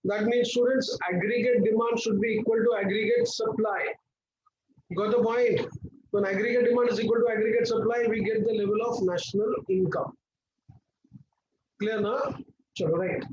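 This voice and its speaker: High-pitched Indian male teacher in echoey room. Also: moderate pace, a little mellow. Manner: instructive, repeats phrases, prompts students with questions. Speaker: economics teacher. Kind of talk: classroom lesson with dictation. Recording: echoey room, muffled, faint noise.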